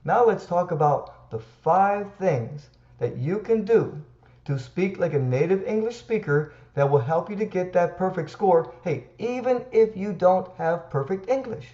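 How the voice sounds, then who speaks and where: A male tutor with a fairly high voice talks slowly and deliberately, coaching in a calm, reassuring way. The recording sounds roomy and slightly dull, as if captured in a bare room. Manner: slow, emphatic and reassuring, counting breaths aloud. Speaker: TOEFL tutor. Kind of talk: direct-to-camera teaching.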